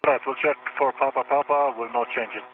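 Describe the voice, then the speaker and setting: A man's voice: medium pitch, fairly even intonation, a little fast. A man working as an astronaut, speaking in terse phrases over a space radio transmission. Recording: narrow, noisy radio link.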